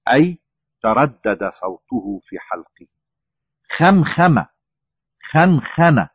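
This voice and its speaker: Man, slow deliberate lecture reading, lifts each listed word, husky, dull dry recording. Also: on the low side, no echo. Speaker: language lecturer. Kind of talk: scripted reading of a lexical lecture.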